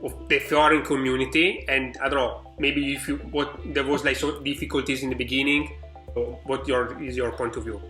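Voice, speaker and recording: A man hosts an interview podcast in a mid-pitched voice. He uses non-native phrasing and drops into soft asides. The room gives his voice a clear echo, with faint music behind. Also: little pitch movement, a little fast. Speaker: podcast host.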